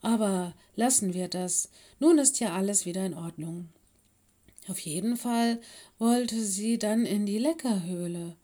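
A woman voicing a caring, busy fox headmistress and mother in a children's audiobook, brisk and motherly. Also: mid-range voice, warm tone, lightly acted. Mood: chatty. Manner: brisk and motherly, stern with helpers.

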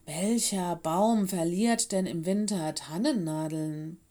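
A woman's voice: lowish voice, takes it slowly, mellow. A woman voicing a small, nimble young girl animal with claws in a storybook reading, cheerful and breezy. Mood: matter-of-fact.

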